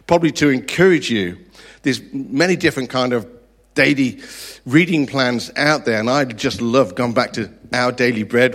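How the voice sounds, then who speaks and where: A man, preaching a sermon earnestly, stretching out the key words. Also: medium pitch. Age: 30s. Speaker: pastor.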